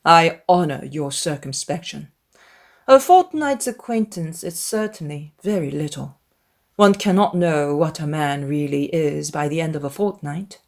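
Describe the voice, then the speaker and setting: A woman's voice: deep voice, animated, creaky, full character voice. A dry-witted middle-aged father of a genteel household as a woman reader plays him. He speaks formally and with mock gravity. His intonation moves about freely as he teases. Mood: dry, teasing. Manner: measured, mock-solemn, formal. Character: wry, teasing middle-aged gentleman father.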